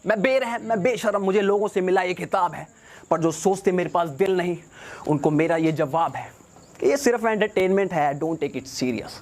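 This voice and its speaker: A young man with a high voice spits battle-rap verses at a rival. He sounds cocky and taunting, with a mocking edge to every rhyme and English phrases thrown in. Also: normal speed. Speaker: battle rapper.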